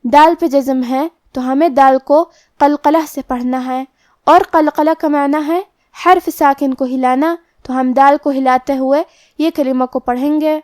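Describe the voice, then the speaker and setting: A woman teaching tajweed, explaining each letter and pronunciation rule step by step in a measured way. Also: high voice, fairly even intonation, a little mellow, dry recording, clean studio sound. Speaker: Quran recitation teacher. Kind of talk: tajweed lesson.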